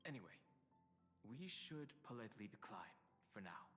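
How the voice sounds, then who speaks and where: Steady low-voiced older man, careful and weighty, reverby. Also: moderate pace, soft background music. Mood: grave.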